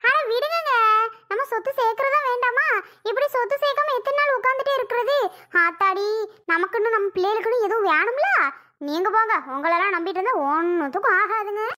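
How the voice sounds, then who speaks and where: A very high, bright cartoon wife, scheming and grasping. She pushes her point again and again, insistent and sharp-tongued, in a squeaky, tense voice. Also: fairly quick. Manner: pushy, insistent. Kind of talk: cartoon voice acting.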